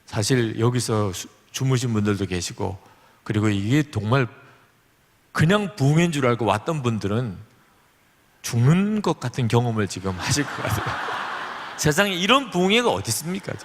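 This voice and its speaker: A man's voice: sing-song, normal speed. A middle-aged male pastor preaching a sermon, telling a story and acting out the voices in it. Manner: storytelling, acting out dialogue with shifts of pitch. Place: large church hall. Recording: long hall reverb.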